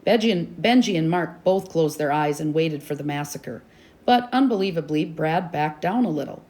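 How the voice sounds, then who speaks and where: Teacher read-aloud: woman, slightly low voice, steady and expressive. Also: normal speed. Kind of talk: chapter book read-aloud.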